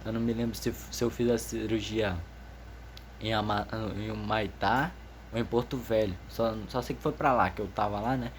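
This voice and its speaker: A man's voice: lowish voice, steady tone, moderate pace, slight background noise. Nervous teen boy. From Amazonas, northern Brazil. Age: teenager, 15. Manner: slangy, rambling, many restarts. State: a bit nervous. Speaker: vlogger. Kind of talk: casual personal storytelling.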